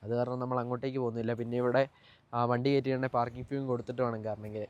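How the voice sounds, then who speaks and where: A man's voice: mid-range voice, flat delivery, racing, no room sound, highs cut off. A young Malayali man chatting casually to viewers in a driving vlog, mixing English words and slang into his speech. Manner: informal, repeatedly addressing viewers. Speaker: vlogger.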